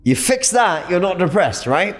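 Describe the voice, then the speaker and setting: A man in his late thirties arguing his point in a casual podcast chat, emphatic and animated, often repeating himself. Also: high-pitched, normal speed, noisy background. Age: 30s. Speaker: podcast guest.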